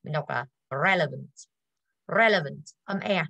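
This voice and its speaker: A woman's voice: mid-range voice, expressive, fairly quick, a bit bright, no echo, lo-fi sound. A woman English teacher going over exercises in an online class, tired and coughing now and then, who keeps putting questions to her students.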